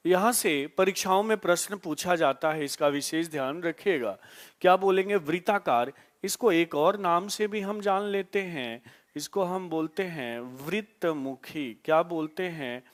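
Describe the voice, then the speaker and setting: A man teaching a live online grammar lesson, repeating key terms and asking his students questions to answer back. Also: on the high side. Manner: repetitive call-and-response questioning; drawn-out slow emphasis on key terms.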